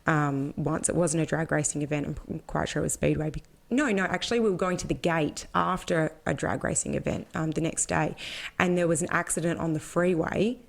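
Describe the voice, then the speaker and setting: A woman's voice: sits low, fairly even intonation, a little fast, creaky. An Australian woman co-hosting a motorsport podcast, chatting casually and rambling with restarts. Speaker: podcast co-host. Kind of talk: casual chat.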